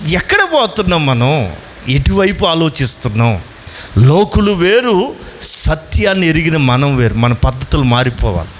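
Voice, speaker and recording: A man preaching a Sunday sermon as pastor, putting questions to his listeners and pressing them to answer, drawing some lines out slowly and rushing through asides. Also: a little high, very animated, slight background noise. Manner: asks the congregation questions and urges answers; swings between slow emphatic lines and fast asides.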